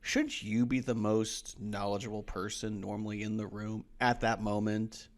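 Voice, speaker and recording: A man's voice: fairly low pitch, flat delivery, moderate pace. A man co-hosting a podcast in casual chat, rambling and laughing often. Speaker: podcast co-host.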